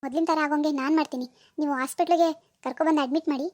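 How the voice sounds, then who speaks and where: A woman voicing a calm doctor in a cartoon, explaining patiently and reassuring the worried parents. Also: high-pitched, very fast, no room sound, close to an everyday voice. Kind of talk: Kannada cartoon voice acting.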